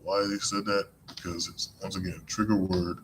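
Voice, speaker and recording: Deep, flat-voiced man on a podcast. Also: moderate pace, background noise. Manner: rambling, conversational, frequent "you know" asides. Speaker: podcast host. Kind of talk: live-streamed podcast monologue.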